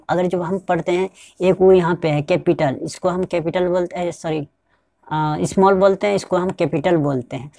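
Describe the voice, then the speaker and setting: Recorded cleanly in a studio without echo, this woman's fairly low voice carries vocal fry and a warm tone. As a spoken English teacher, she walks through pronunciation one step at a time, going over every point again and repeatedly checking with viewers, rhetorically, that they follow.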